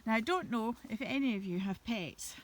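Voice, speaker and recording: A woman chatting gently to her viewers while walking her dogs outdoors through woods by a river. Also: on the high side, moderate pace. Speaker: vlogger. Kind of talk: casual walking vlog narration.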